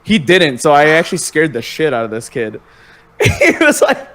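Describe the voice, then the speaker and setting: A man's voice: a little high, sing-song, normal speed, fairly bright tone. A young man as a podcast guest, chatting casually and telling laid-back stories, with the odd swear word. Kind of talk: casual chat.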